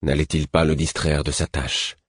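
A man narrates a novel in a measured, even reading voice. His pitch sits very low and carries a husky grain. The dry, close-miked sound has no room around it. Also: no room sound. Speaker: audiobook narrator. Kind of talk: scripted narration.

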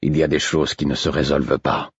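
A man voicing a steady, gruff old male stablemaster who talks in a calm, philosophical way, in an audiobook reading. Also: a bass voice, a little fast, no echo, dull audio, voice pushed down, heavily acted.

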